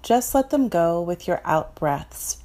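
A woman from Florida leads a guided meditation, her voice slightly low and soft. She speaks very slowly and calmly, with long pauses between her gentle instructions. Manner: slow, soft, calm instructions.

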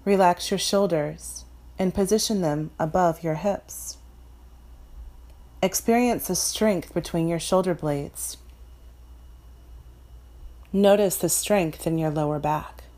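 A woman from Florida leading a guided meditation in a soft, calm, instructive way. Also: fairly low pitch, slow, long pauses.

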